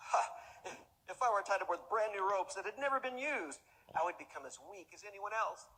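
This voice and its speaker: A man's voice: high-pitched, expressive, fairly quick, pushed and bright, in a large hall, heavily acted, low-quality recording. A man volunteer reading the part of Samson, a strong but foolish man, with a boastful delivery in a church skit.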